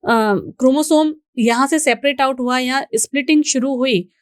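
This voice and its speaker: A woman's voice: high-pitched, smooth, dry recording, clean studio sound. A young woman with an Indian accent teaching biology in a recorded exam-prep lecture, explaining step by step and often checking in with her students. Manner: explains slowly, reads English lines out deliberately, checks in with "ठीक है".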